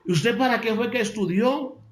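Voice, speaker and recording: A man giving a motivational talk, emphatic, repeating key phrases and slowing down to stress them. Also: extremely high pitch, echoey room. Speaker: motivational speaker.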